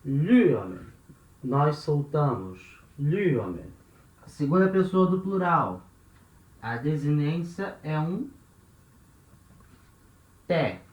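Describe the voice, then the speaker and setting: A man's voice: a little high, roomy sound, muffled recording. A man teaching a language lesson, explaining step by step and often checking in with his listeners.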